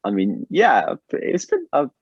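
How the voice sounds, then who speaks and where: A young man co-hosting a podcast in casual chat, excitable and rambling, laughing often as he talks. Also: medium pitch, a little slow, vocal fry, breathy edge, no room sound. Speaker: podcast co-host. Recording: dull, dry lo-fi sound.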